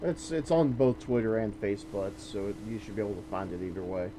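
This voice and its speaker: A man's voice: fairly low pitch, lively intonation, fast, noisy background. A man streaming a game, chatting casually in a wry, joking way with restarts and trailing sentences. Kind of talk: casual chat while gaming.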